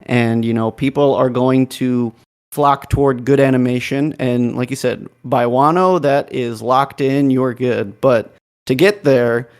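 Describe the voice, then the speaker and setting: Man, podcast panelist, thoughtful, rambling, middle pitch. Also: fairly even intonation, unhurried, clean tone. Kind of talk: casual podcast chat.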